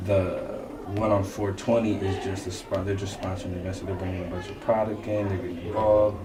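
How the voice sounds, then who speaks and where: A man's voice: sits low, level tone, brisk. A man who is a guest on a casual interview, chatting loosely with lots of fillers and swearing. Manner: laid-back, rambling, with many fillers and swearing. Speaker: guest, event promoter and DJ. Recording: roomy echo, distant mic, crowd noise behind.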